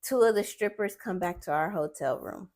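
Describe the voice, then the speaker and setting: A woman's voice: on the low side, normal speed, a little mellow. A woman hosting a podcast, chatting casually with a teasing, giggly manner. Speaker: podcast host. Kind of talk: casual chat.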